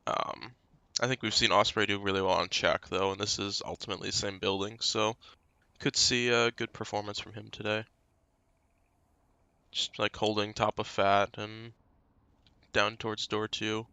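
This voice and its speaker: A man casting a live esports match in a relaxed, chatty way. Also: on the low side, moderate pace, gravelly, pauses often, smooth, dry recording. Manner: relaxed, chatty, talks through a meal. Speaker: esports caster.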